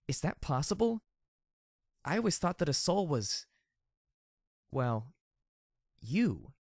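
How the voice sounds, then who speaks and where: A man reading an audiobook, voicing a blunt, scrappy young mare who talks in a halting, questioning, informal way. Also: a little high, very animated, creaky, a little mellow, dry recording, clean studio sound, voice pushed up, full character voice. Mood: curious, blunt.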